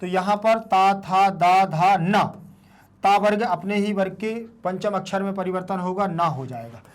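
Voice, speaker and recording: A male teacher explaining a lesson step by step, asking questions and answering them himself, and spelling out syllables one by one. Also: high voice. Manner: slow, repeats answers as questions. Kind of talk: classroom explanation.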